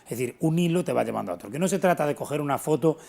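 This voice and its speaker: A middle-aged local historian from Antequera in southern Spain answers questions as a guest on an unscripted TV interview, earnest, explanatory and emphatic. His voice sits on the high side and comes out animated and rapid-fire, with vocal fry and a slightly mellow quality.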